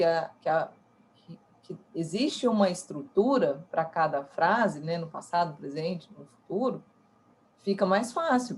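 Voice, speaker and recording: A woman's voice: lowish voice, slight background noise. A Brazilian woman, an English student, talking casually and hesitantly with many fillers. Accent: Brazilian Portuguese. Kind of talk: casual chat, practicing English.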